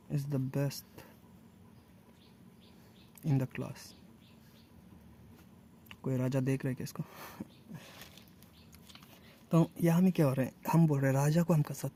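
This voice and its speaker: A man teaching a casual grammar lesson, asking and answering his own questions and repeating words slowly. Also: mid-range voice, warm tone, slight background noise.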